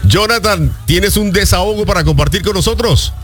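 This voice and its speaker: A man's voice: high-pitched, normal speed, a bit bright, faint music behind. A man hosting a morning radio call-in show, chatting playfully and often slipping into a sing-song delivery. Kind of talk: lively morning radio chat.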